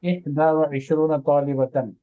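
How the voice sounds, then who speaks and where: A man's voice: fairly high pitch, fairly even intonation, slow. Male student on a tinny phone line. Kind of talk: reading aloud in class.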